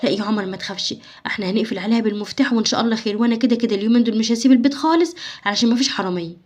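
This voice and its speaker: A young woman with an Egyptian accent playing a worried, devoted mother in a home-made family sketch, speaking in a hushed, reassuring way. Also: a little high, very fast, close to an everyday voice. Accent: Egyptian Arabic.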